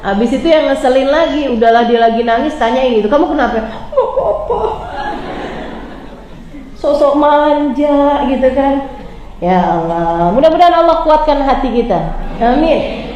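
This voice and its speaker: A woman's voice: high voice, expressive, normal speed, roomy sound, muffled recording, noisy background. Chatty woman preacher telling a story. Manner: colloquial, chatty, addresses listeners as friends. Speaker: religious teacher. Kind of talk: storytelling religious lecture.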